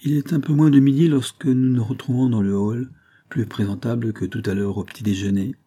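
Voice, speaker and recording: A man reading a novel aloud in the first person, with a measured, intimate delivery. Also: mid-range voice, steady tone, dark tone, slightly rough. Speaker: audiobook narrator. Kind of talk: scripted novel narration.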